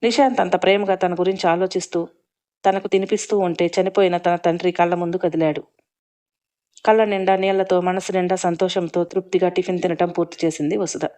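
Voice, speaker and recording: A woman narrating a serialized family story in a steady, emotive reading. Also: on the low side, fairly quick.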